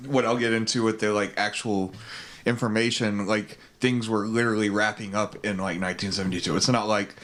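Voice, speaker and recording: Texas guy cohosting a podcast, easygoing and rambly, lowish voice, studio mic. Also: a little fast. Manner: relaxed, rambling, lots of fillers. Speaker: podcast co-host. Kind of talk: casual chat. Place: home studio.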